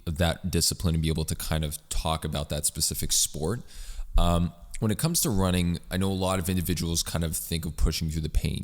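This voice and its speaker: Man, very low voice, running coach, casual explainer, lingering reverb. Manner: conversational, many fillers and restarts. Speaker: running coach and podcast host.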